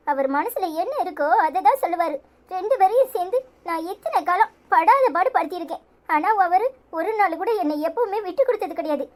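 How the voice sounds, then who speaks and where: Woman voicing a pleading young daughter in a Tamil village cartoon, Tirunelveli accent, bright high voice. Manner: pleading, earnest.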